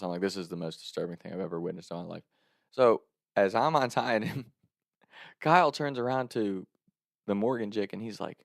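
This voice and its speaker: A young man telling a true story in a casual, animated way, laughing often and acting out what people said. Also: medium pitch, dry recording, clean studio sound.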